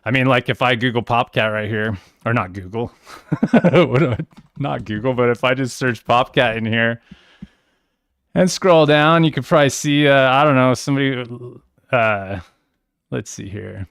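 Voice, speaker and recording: Laid-back male streamer, middle pitch, talks through charts off the cuff, smooth voice. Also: moderate pace, a bit bright, no room sound, studio quality. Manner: rambling, self-correcting, laid-back. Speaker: crypto trading livestream host. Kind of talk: casual screen-share walkthrough.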